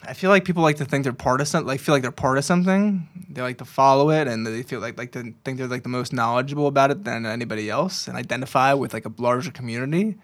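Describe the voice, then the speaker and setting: A man's voice: mid-range voice, quick pace, few pauses. Easygoing man chatting casually. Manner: easygoing, talks with many fillers. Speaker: podcast co-host. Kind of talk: casual chat.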